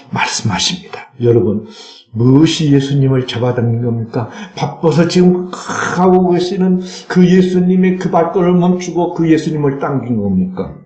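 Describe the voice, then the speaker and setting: In an echoey church sanctuary, a male pastor preaching on Sunday reads scripture aloud and bursts into fervent cries. He has a fairly high, warm voice, animated in delivery and moderate in pace.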